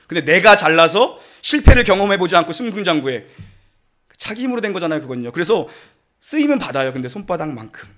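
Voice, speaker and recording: A man's voice: high-pitched, very animated, fast talker, fairly bright tone. A middle-aged male pastor preaching a sermon in a joking, conversational way, acting out prayers. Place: church sanctuary.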